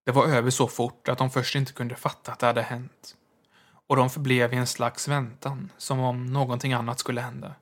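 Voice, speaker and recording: A man narrating a horror story in a measured, hushed manner. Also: medium pitch, little pitch movement.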